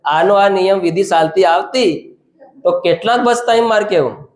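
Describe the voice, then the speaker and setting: A male pastor, preaching in a fairly high voice. He calls questions out to the congregation and repeats phrases to drive them home. The sound is echoey and roomy. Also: moderate pace. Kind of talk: sermon.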